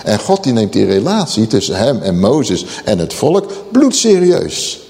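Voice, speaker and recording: A man with a lowish, warm voice delivers a Bible-teaching sermon at an unhurried pace, his pitch swooping wildly. He poses rhetorical questions and stretches out key words for emphasis. The recording carries the long reverb of a large hall.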